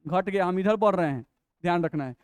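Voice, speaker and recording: A man with a Bihari Hindi accent gives a chemistry lecture in a high, smooth voice. He works through each point patiently, putting questions to the class and answering them himself. The recording is close and dry. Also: dry recording. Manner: explains step by step, asks and answers his own questions; reads English definitions slowly and deliberately. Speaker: chemistry teacher.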